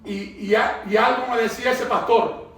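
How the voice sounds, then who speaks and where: A middle-aged pastor with a strikingly high voice preaches in a church, urging the congregation to repeat his phrases back to him. His voice rings through a very echoey hall, picked up from well away from the microphone. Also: fairly even intonation, moderate pace, fairly bright tone. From Cuba. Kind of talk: sermon with call-and-response. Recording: echoey hall, voice far from mic.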